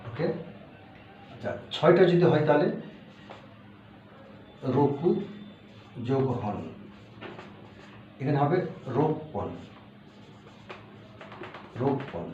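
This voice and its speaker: A man teaching a language lesson, patiently repeating each word and explaining step by step. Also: fairly high pitch. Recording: roomy, distant, dull lo-fi audio with faint hiss.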